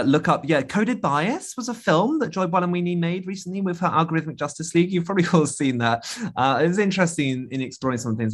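A man's voice: mid-range voice, slightly rough. Thoughtful man on a video call. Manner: thoughtful, many fillers and restarts. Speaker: guest speaker, media artist. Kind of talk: casual talk and Q&A.

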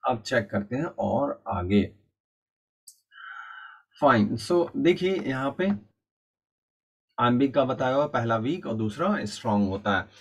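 A man's voice: mid-range voice, lo-fi sound. Patient man teaching in a lecture. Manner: explains patiently, repeats key points, mixes Hindi and English. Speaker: English literature teacher. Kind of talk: online exam-prep lecture.

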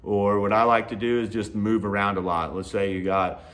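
Thirtyish guy in his garage shop, lowish voice, laid back fishing report, lots of uhs. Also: normal speed. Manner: relaxed, frequent "uh" and "you know" fillers. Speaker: fishing guide and host. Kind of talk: casual fishing report to camera. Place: indoor garage workshop with tackle shelves.

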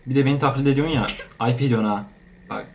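A young man giving casual, slangy gameplay commentary, excitable and chatting to the characters on screen. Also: medium pitch, fast. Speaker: gaming YouTuber.

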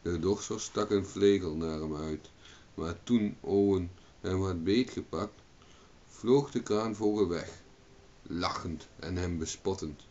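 A man reading a folk tale aloud as a storyteller, lively and acting out the characters' lines. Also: sits low, slow. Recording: dull lo-fi recording.

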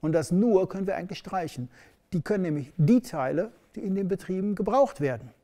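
A middle-aged man presenting as an education expert to camera in a studio, measured and explanatory, stressing key words. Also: high-pitched, expressive, dark tone.

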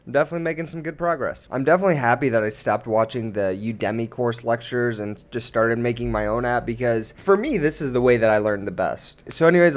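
Casual young man vlogging. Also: mid-range voice. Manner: casual, candid, dry joking. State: raspy morning voice. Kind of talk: casual vlog chat.

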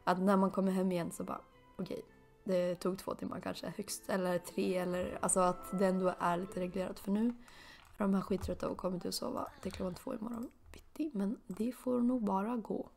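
A woman talks through her game in a casual let's play, chatty and loose. Her voice has a gravelly fry to it, and she breaks into sudden excited high bursts between soft asides. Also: soft background music. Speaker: gaming video creator.

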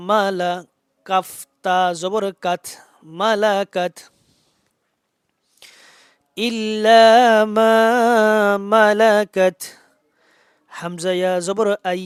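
A man teaching Quran reading, spelling out Arabic letters in Bengali and chanting the verses in a raised, drawn-out voice. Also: sits high, clean tone, no echo, studio quality. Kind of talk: tajweed lesson, spelling out letters then reciting.

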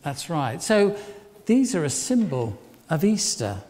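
His voice is a little high and darkish, slow and sing-song: an older church leader giving an interactive talk at an all-age service. He quizzes the congregation, then warmly repeats their replies. The recording carries the hall's echo and faint background noise.

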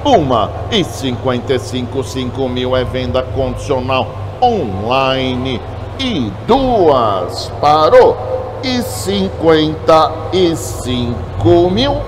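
Brazilian guy doing auctioneer bid calls, kinda slow and measured, repeats numbers, noisy background. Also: medium pitch, sing-song. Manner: repetitive bid calling, clipped number phrases. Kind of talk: live auctioneer chant, calling bids.

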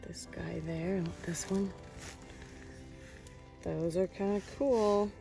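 With a mid-range, creaky, warm voice, this American woman in her thirties keeps a steady tone and slow pace as she vlogs about rock hunting. She talks casually and colloquially outdoors on a pebbly beach, faint music behind her.

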